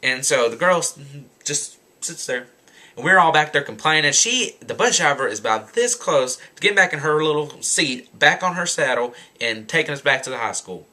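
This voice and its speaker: A young man in his late teens telling a story in a casual rant, animated and exasperated. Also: fairly high pitch, normal speed. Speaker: vlogger.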